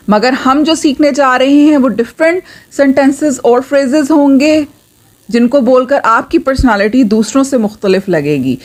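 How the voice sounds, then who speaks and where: A woman teaching spoken English, repeating each practice phrase twice in a slow, careful drill. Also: high-pitched. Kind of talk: language lesson.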